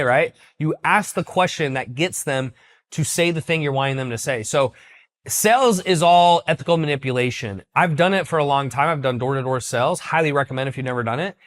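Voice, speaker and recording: A man teaching sales and business methods in a casual video, talking directly and persuasively and checking in with the listener. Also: a little high. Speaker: business coach.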